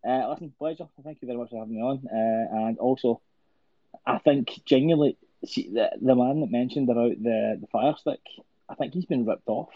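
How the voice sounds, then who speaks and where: A man's voice: medium pitch, a little fast, no echo. A man with a broad Scottish accent chatting casually and jokily as a caller to a talk show. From Scotland. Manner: jokey, sweary banter. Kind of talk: casual chat. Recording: muffled, lo-fi call audio.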